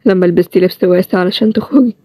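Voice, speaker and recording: A woman voicing a tired, stubborn young man with an Egyptian accent, in a low-key, plain-spoken way. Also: racing, warm tone, no room sound, natural voice. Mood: teasing. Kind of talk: storybook role-play series.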